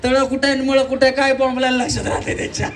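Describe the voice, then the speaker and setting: A man hosting a live game show on an event stage, teasing contestants and shouting rhythmic game calls. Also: extremely high pitch, completely flat delivery, very fast. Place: community event stage with audience. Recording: distant mic, faint crowd and noise.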